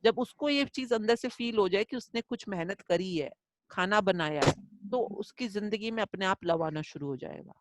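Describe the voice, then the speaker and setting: In a live online class on a video call, a middle-aged woman teaching gratitude coaches a student, using Hindi and English together and acting out lively everyday examples. Her mid-range voice moves at normal speed against a noisy background.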